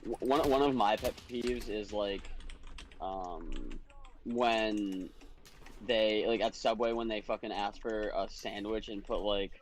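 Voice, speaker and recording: A man's voice: fairly low pitch, fairly even intonation, slow, a little hiss or hum, low-quality recording. A young man chatting casually on a game stream, blunt and swearing freely as he complains. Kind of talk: casual chat while gaming.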